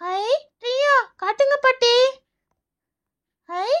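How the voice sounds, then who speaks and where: Woman voicing a little cartoon girl, very high-pitched, excitable, pleading. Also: takes it slowly, muffled recording, heavily acted. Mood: excited. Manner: excited, pleading, repeats "paati, paati". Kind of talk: children's cartoon voice acting.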